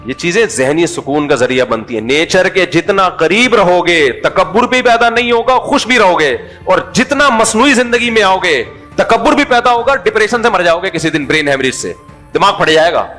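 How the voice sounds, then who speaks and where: A man's voice: sits high, lively intonation, sharp tone, soft background music. A middle-aged man with a Pakistani Urdu accent gives a sermon in a joking, conversational way, often putting questions to his audience. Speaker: Islamic preacher.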